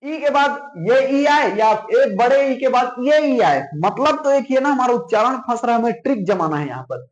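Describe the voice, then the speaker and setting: A man's voice: extremely high pitch, lively intonation, moderate pace, hardly any pauses. A man teaching Hindi grammar as an exam coach with a Chhattisgarh Hindi accent, repeating points and checking whether students understand. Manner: repetitive, drilling, keeps asking if it's clear. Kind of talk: classroom lecture. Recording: echoey room, dull lo-fi sound.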